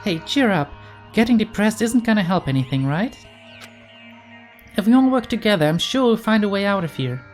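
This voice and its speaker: Peppy, supportive high-school girl for a game played by a woman, mid-pitched, faint music behind. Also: sing-song, normal speed, darkish tone, lightly acted. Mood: encouraging. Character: upbeat, encouraging teenage girl.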